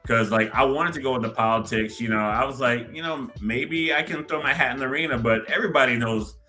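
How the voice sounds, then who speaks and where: A man speaking as a guest on a podcast, talking in a measured way with many fillers. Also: mid-range voice, soft background music. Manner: measured, with many fillers and a sharp-edged timbre. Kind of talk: casual interview talk.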